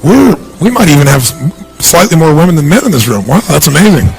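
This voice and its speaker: A middle-aged man giving a punchy, energetic seminar speech to a large audience in a big hall, asking the crowd questions. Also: fairly high pitch, quick pace, creaky, faint music behind. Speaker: motivational speaker.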